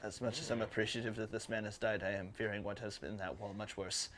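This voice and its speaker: A man's voice: fairly low pitch, fairly even intonation, fast, background noise. A man playing a tabletop role-playing game, talking rules and character choices in a dry, matter-of-fact way. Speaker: player. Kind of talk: casual tabletop game chat.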